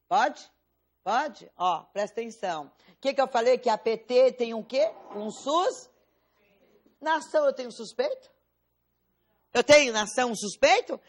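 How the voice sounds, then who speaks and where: A woman's voice: high voice, fairly bright tone. A Brazilian Portuguese woman teaching a law class, quizzing students with rhetorical questions and stressing key words. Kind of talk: classroom lecture.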